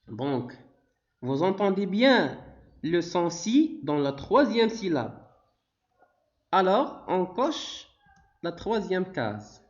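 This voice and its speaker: A man with a Moroccan accent teaching a slow, deliberate phonics lesson to young children, drawing out his words and praising often. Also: high voice. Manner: drawn-out, sing-song delivery with frequent praise. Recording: dull, lo-fi recording.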